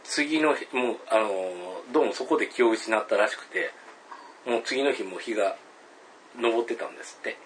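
A man telling a spooky story to a listener, hesitant with many fillers and pauses, acting out calls and voices loudly. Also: lowish voice, a little hiss or hum, rough recording.

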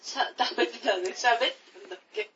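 A woman's voice: a little high, very fast, a bit bright. A tipsy woman from Aomori who speaks with an Akita dialect, co-hosting a podcast in a giggly, rambling way. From Aomori, Japan. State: tipsy from drinking. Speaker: podcast co-host. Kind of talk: casual chat. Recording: distant, muffled with faint background hiss.

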